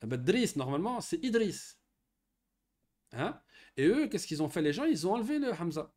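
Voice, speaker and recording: Lively man teaching Arabic grammar. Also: high-pitched, normal speed. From Morocco. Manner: patient, lively explanations with frequent checking questions. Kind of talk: online Arabic grammar lesson for children.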